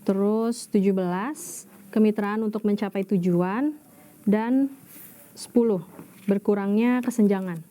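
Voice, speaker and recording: A woman's voice: medium pitch, unhurried, warm tone. A woman in her thirties working in HR, answering interview questions casually with some hesitation. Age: 30s. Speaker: HR administrator.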